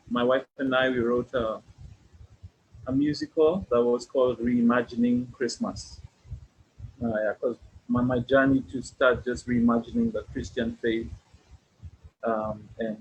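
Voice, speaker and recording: A man from Kenya with a Kenyan accent, a worship leader and writer, speaking softly and reflectively on a panel. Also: mid-range voice, slightly rough. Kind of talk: casual panel chat. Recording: dull, slightly noisy online call audio.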